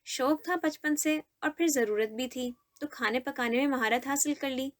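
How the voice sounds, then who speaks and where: A woman's voice: high-pitched, close to an everyday voice. A woman voicing a playful young man, a student friend who teases his buddy. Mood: teasing. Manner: playful, teasing banter.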